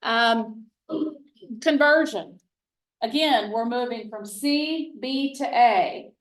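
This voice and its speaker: A woman giving a lively real estate training talk to a room, folksy and emphatic, with chatty asides. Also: fairly high pitch, slow, distant mic. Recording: roomy, from off the mic.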